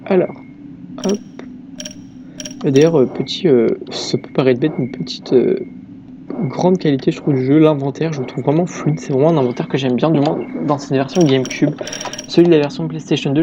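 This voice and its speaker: A tired man yawns through chatty, rambling commentary as he plays a video game, game music running behind him. His voice is mid-range, and the dull audio carries background noise.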